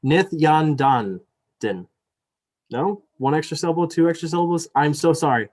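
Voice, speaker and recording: A young man who serves as student elections director runs a live debate over video call. His voice sits on the high side, a little mellow, with fairly even intonation and a fast pace; he's apologetic and rambling with lots of fillers at first, then reads the rules in a formal manner.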